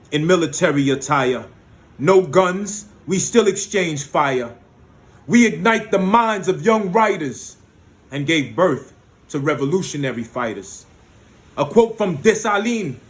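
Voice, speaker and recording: This high-voiced man from the United States performs rhythmic, rhyming spoken word poetry with emphatic peaks. Between pieces, he drops short spoken asides.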